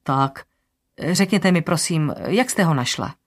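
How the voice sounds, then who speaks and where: Narrator doing a brisk woman investigator. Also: medium pitch, lively intonation, lightly acted. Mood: patient. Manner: businesslike, polite orders. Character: brisk woman investigator, lawyer, matter-of-fact.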